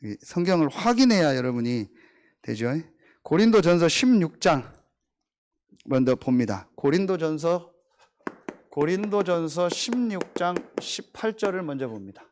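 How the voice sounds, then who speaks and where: A middle-aged man preaching a sermon as pastor, swinging between emphatic, drawn-out declarations and chatty, joking asides about his family. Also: on the high side, a little hiss or hum. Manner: animated, emphatic preaching with drawn-out stressed phrases.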